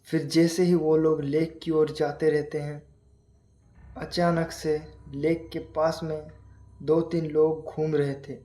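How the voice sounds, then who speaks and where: A man casually telling a horror story and speaking straight to his listeners. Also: a little high. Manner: addresses listeners directly, even and unhurried. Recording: echoey room with faint music.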